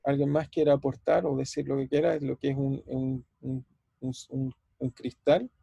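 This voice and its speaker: Chilean prof teaching online, dark gravelly husky voice, repeats himself a lot, keeps quizzing the class. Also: male voice, mid-range voice, flat delivery, normal speed, no echo, dull audio. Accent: Chilean Spanish. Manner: thinking aloud, repeating words, asking students questions. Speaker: physics professor. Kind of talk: online university lecture.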